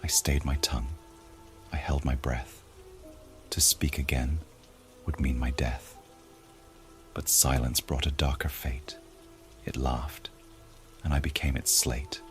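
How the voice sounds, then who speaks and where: A man voicing a haunted, cursed man who confesses in hushed, half-whispered rhyme. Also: a bass voice, flat delivery, slow pace, long pauses, soft background music.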